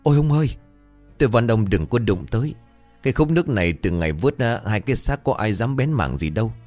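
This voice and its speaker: A man voicing a frightened older village wife who begs and trembles in a shrill voice. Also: lively intonation, brisk, darkish tone, faint music behind, natural voice. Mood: terrified.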